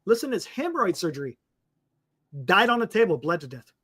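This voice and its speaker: A man co-hosting a casual sports talk show, excitable and laughing often. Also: high-pitched, brisk, breathy edge. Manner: laughs often, excitable, says "dude" a lot. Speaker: co-host.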